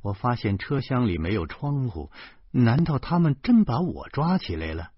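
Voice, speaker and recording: Man, audiobook narrator, husky, very animated pitch, dry, dull lo-fi sound. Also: moderate pace, dry recording. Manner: lively, exclamatory, colloquial. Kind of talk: storytelling narration. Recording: dull lo-fi recording.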